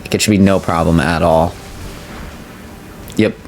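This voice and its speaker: A man's voice: deep voice, fairly even intonation, unhurried, a little mellow, faint music behind. A man giving casual video game commentary, talking a little carefully with a sore mouth after having a wisdom tooth out. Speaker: video game let's player. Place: indoor voice-over recording.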